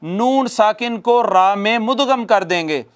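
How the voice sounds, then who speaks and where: A man teaching the rules of Quran recitation to a class, explaining step by step, posing questions and answering them, and repeating Arabic examples slowly. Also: sits high, animated. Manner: addresses listeners formally. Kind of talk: classroom lesson on tajweed rules.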